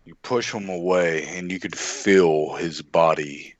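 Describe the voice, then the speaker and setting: A man running a tabletop game as its game master, narrating grim scenes in an unhurried, measured way. His voice is very low and slow, and the mic sound is close and dry. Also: no echo, highs cut off.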